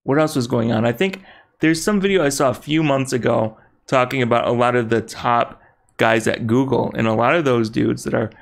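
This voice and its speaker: A man's voice: medium pitch, moderate pace, vocal fry. A man co-hosting a casual political podcast, thinking aloud hesitantly and laughing easily. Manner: hesitant, many fillers and restarts, laughs easily. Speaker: podcast co-host.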